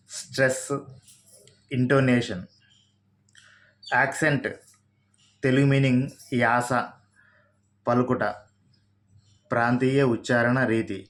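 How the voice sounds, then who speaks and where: Man, Telugu accent, vocabulary tutor, slow lesson, spells words letter by letter, mid-pitched voice.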